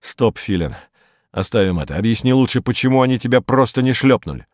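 Man doing a gruff, curt police inspector. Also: mid-range voice, expressive, a little fast, no room sound, clean studio sound, natural voice. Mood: tense. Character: stern, tough male police inspector, middle-aged.

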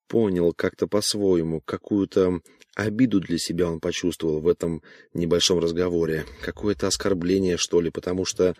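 A man narrating an audiobook in an even, unhurried reading. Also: sits low, no room sound, clean studio sound.

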